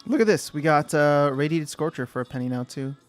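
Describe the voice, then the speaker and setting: A man's voice: on the high side, lively intonation, fairly quick, no room sound, soft background music. A young man hosting a casual livestream, thinking aloud, answering chat and trailing off mid-sentence. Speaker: livestream host.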